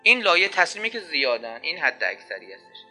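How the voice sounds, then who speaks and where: A man delivers an emphatic sermon in a very bright, somewhat high voice. He hammers points home with repeated phrases and rhetorical questions. Faint music plays behind him. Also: very animated. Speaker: preacher.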